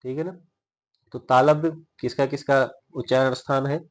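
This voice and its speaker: A man's voice: medium pitch, fairly even intonation. Man repeating syllables, teaching pronunciation. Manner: demonstrates sounds by repeating syllables slowly; explanatory, checks in with "theek hai". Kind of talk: Hindi grammar lesson.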